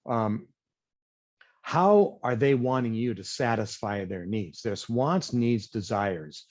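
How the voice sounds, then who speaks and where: A man presenting a sales and marketing training session, energetic but deliberately slowing his speech to explain. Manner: energetic, self-described high-wire talker; deliberately slowed, explanatory pace. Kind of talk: webinar presentation. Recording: dull lo-fi webinar audio.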